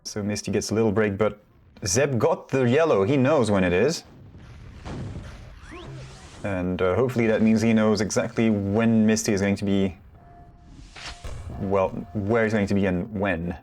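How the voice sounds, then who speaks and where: A man's voice: fairly low pitch, normal speed, pauses often, darkish tone, a little hiss or hum. A man giving casual solo commentary on a competitive video game match, rambling with self-deprecating asides.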